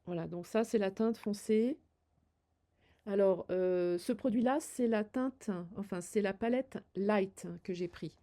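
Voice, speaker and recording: Older woman giving a relaxed makeup tutorial. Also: medium pitch, unhurried. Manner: hesitant, many fillers, friendly advice to viewers. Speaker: beauty vlogger. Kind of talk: makeup tutorial, demonstrating as she talks.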